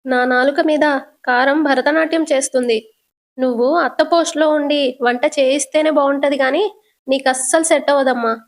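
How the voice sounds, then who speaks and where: A whiny, dramatic young son, as a woman puts him on in a storytelling recap. He complains with exaggeration, in a high voice. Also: fairly even intonation, moderate pace, close to an everyday voice.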